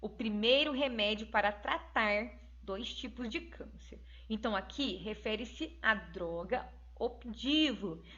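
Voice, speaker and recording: A woman's voice: a little high, takes it slowly, pushed and bright, muffled recording. A Brazilian Portuguese-speaking woman teacher walking through exercise answers in a recorded lesson, explaining step by step and checking in with tag questions.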